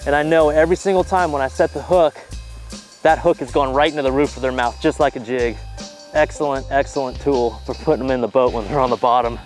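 A pro bass angler in his thirties gives a casual fishing tutorial from a boat outdoors, speaking quickly in a mid-range voice with fairly even intonation. He's easygoing and enthusiastic, sprinkling in plenty of "you know." Soft music plays in the background.

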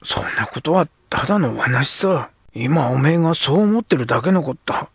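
A man's voice: fairly high pitch, expressive, moderate pace, no echo, studio quality, pitched above the performer's own voice, exaggerated voice. A man doing a sulky edo street boy. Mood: sulky, gruff. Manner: coarse Edo slang, gruff. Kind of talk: audiobook character voice.

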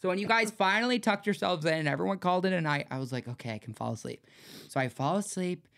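A man's voice: high-pitched, fast talker, gravelly, background noise. A man co-hosting a podcast in casual chat, teasing and joking, with some swearing. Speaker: podcast co-host.

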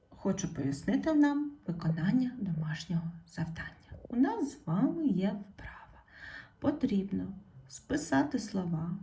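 A woman teaching a primary school spelling lesson. She speaks slowly and clearly, calls out example words loudly and drops almost to a whisper when stating the rule. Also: medium pitch. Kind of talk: slow, clear classroom explanation.

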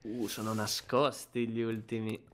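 A man bantering as a co-player, jokey, jumping into high squeals. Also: flat delivery, normal speed. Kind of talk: playful gameplay banter.

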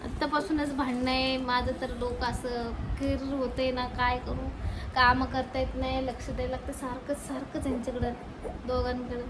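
A woman's voice: high voice, little pitch movement, normal speed. A young woman and mother talking casually on her home vlog, chatty, venting to the camera and coaxing her toddler. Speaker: mother and family vlogger. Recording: home recording with background noise.

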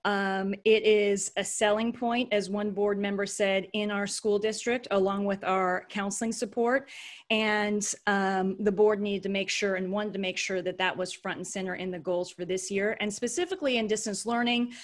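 Friendly school principal on a video call. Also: female voice, mid-range voice, steady tone, normal speed. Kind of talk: panel remarks on a video call.

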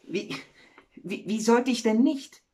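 A man's voice: very high-pitched, takes it slowly, darkish tone, voice pushed up. A man voicing the miller's wife in a told fairy tale, speaking in a raised, earnest tone. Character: miller's wife, warm-hearted woman.

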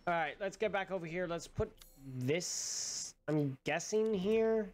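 A young man with a high voice streams a video game from a small room. His commentary is casual, sarcastic and full of swearing. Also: a little slow, faint music behind. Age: young adult. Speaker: gaming streamer. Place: small bedroom-like room indoors.

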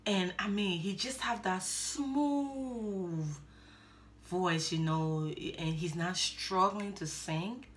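A woman's voice: medium pitch, takes it slowly, a little hiss or hum. A middle-aged woman hosting a music reaction video, chatting enthusiastically to viewers from a small room. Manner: enthusiastic, repeats words, addresses viewers as guys. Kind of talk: casual reaction commentary. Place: indoors, small room, seated in gaming chair.

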